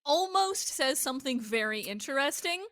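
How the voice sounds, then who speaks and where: A woman's voice: sits high, lively intonation, moderate pace, a bit bright. A woman co-hosting a casual podcast chat, speaking in an informal, emphatic, opinionated way. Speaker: podcast co-host.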